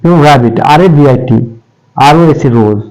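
A man's voice: mid-range voice, moderate pace, darkish tone, soft background music, low-quality recording. A man teaching English pronunciation to children, patiently repeating and spelling out each example word. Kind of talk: step-by-step spoken lesson for children.

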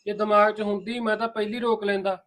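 A man's voice: high voice, little pitch movement, fast talker, fairly bright tone, slight background noise. An actor playing an older, protective father-in-law who reassures his daughter-in-law and scolds his son. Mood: reassuring. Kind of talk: village family drama acting.

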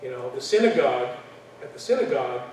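A man's voice: mid-range voice, big pitch swings, fast talker, darkish tone. A man teaching a church class in a conversational lecture style, with frequent fillers and restarts. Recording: echoey room from far off, faint noise.

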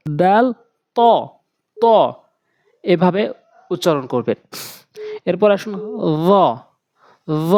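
A man's voice: a little high, darkish tone, dry recording, studio quality. A man teaching Quran recitation, repeating each letter sound several times and explaining where the tongue and lips go. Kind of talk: slow instructional demonstration.

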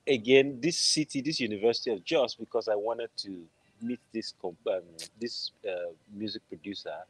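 A man's voice: on the low side, normal speed, husky, no room sound, rough recording. A middle-aged man with a Nigerian accent, telling a personal story conversationally as an interview guest on a video call. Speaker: interview guest, film composer. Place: indoor room at home, video call.

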